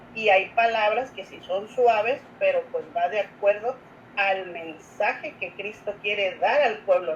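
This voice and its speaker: A woman, a church lector, asking a long question in a class and rambling earnestly with fillers. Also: mid-range voice. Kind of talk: casual question in an online class. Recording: dull lo-fi call audio with faint noise.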